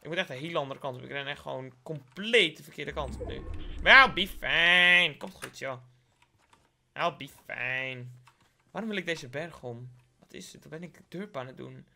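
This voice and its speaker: Gravelly, bright-voiced young Dutch gamer. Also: male voice, a little high, fast talker, few pauses. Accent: Dutch (Netherlands). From Netherlands. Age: young adult. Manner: playful, joking, addresses viewers, sprinkles in English slang. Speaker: gaming YouTuber. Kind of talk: live gameplay commentary.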